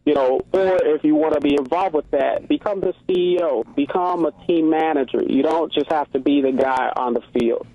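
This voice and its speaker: A man's voice: fairly high pitch, normal speed, few pauses, no room sound, muffled recording. A man from the Congo calling in to a radio show, talking earnestly in rhetorical questions. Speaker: caller. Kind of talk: call-in radio commentary. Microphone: phone call.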